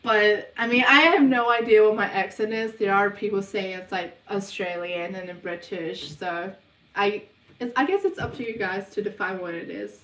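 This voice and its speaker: A young woman from New hosts a casual livestream Q&A, reading viewers' questions aloud and answering in an unhurried, hesitant way with lots of ums. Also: mid-range voice, a bit bright, recorded from a distance. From New Zealand. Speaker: livestream host of a subliminal channel. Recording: roomy sound, voice away from the mic.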